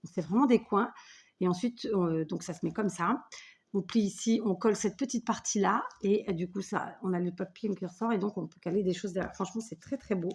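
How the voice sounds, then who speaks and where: A woman's voice: medium pitch, brisk, vocal fry, darkish tone, breathy edge. A woman in her forties hosting a scrapbooking video at home, chatting enthusiastically as she opens gifts and thanks the sender. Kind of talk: casual unboxing chat.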